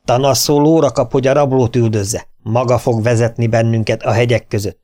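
A man's voice: mid-range voice, steady tone, warm tone, natural voice. A man voicing a stern small-town sheriff who gives firm, emphatic orders. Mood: commanding.

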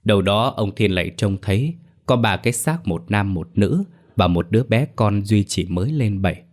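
A man reading a horror story aloud as a storyteller, in a measured, slow manner. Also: fairly low pitch, animated. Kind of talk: scripted horror story narration.

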